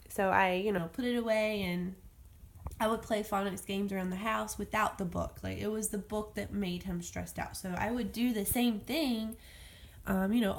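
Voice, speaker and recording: A woman who homeschools, talking casually and rambling as she demonstrates letter sounds in a phonics tutorial recorded at home. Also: mid-range voice. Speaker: homeschool teacher.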